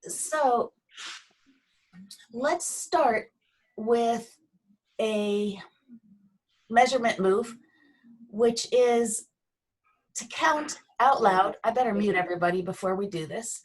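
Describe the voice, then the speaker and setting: A woman with a fairly high voice leads a movement class over a video call. She speaks in a gentle, unhurried way with pauses. She sits a little back from her mic. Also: recorded from a distance. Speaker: Feldenkrais teacher.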